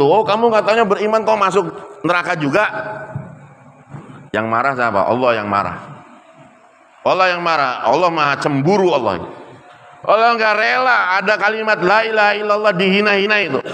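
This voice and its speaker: A male preacher giving a sermon, telling stories in an animated way and acting out quotes. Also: high-pitched, in a large hall. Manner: animated storytelling with acted quotes.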